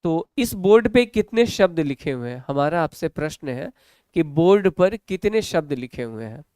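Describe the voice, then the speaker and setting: Smooth-voiced Indian man teaching English. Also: a little high, animated, a little mellow, no room sound, studio quality. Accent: Hindi-speaking North Indian. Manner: drills words slowly, asks and answers own questions. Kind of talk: online class lecture.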